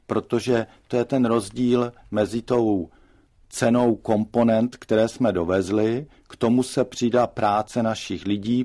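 A man arguing his point in a studio debate, measured with frequent hesitations. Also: lowish voice, mellow.

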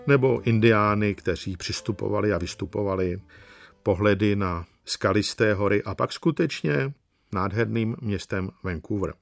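A man with a low voice telling travel stories, unhurried and wry, lingering on details. The sound is dry and close, with no room in it. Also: vocal fry, dry recording, faint music behind. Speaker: storyteller. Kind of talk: anecdotal travel storytelling.

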